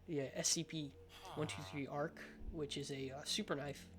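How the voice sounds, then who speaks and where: A man's voice: fairly high pitch, fairly even intonation, normal speed. A man with a lisp giving casual, rambling game showcase commentary, often hesitant and unsure of himself. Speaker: gaming video host.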